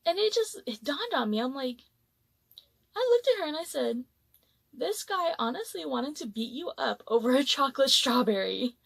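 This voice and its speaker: High, gravelly-voiced woman vlogger. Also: no echo. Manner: chatty, many "like" fillers, animated retelling. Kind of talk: casual storytime vlog.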